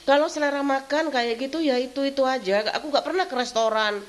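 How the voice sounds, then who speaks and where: A woman's voice: sits high, fairly quick. A middle-aged woman, chatting casually in a vlog, rambling and laughing often as she talks. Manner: rambling, frequent laughter, repeats "kayak gitu". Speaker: vlogger.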